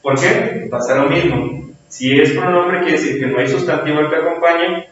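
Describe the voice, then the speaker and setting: A man's voice: a little high, moderate pace, slight background noise. A man with a Mexican accent teaching a grammar lesson to a class, often checking with "right?" tag questions. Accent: Mexican Spanish. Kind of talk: classroom lecture, also filmed for viewers at home. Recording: very echoey room, far from the mic, dull sound.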